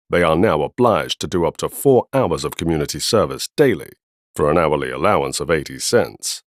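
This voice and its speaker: Deep, lively male news narrator. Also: no echo, studio quality.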